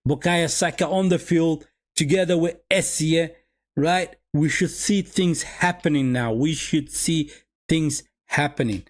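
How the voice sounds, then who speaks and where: A man from Sweden whose first language is Somali calls a football match during a live watch-along for his viewers, often repeating his phrases. His voice is a little high and his pace measured.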